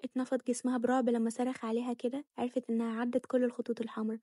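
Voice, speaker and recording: A woman with an Egyptian accent narrating an audio novel in a rapid storytelling manner. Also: on the high side, flat delivery, mellow, slightly rough, dry recording, clean studio sound. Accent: Egyptian Arabic.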